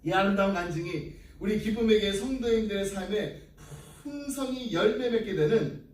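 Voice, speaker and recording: A pastor with a high voice delivers an earnest sermon. The sound is roomy and a bit distant, picked up from across a church sanctuary. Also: male voice, normal speed. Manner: earnest preaching, closing in prayer. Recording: echoey room, distant mic.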